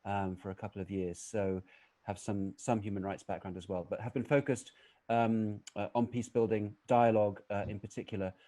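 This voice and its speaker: Brief: male program director, flat and measured, with a lot of ums. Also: fairly low pitch. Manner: measured, with frequent fillers. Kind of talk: panel self-introduction.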